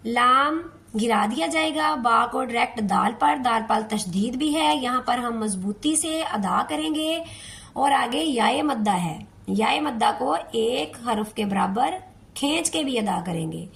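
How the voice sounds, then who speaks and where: Woman, tajweed teacher, very slow and deliberate, slightly high voice, gravelly edge, patient repetition. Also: animated, fairly bright tone. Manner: patient, repeats words slowly, recites in a drawn-out chant. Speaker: Quran recitation teacher. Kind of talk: slow step-by-step tajweed lesson.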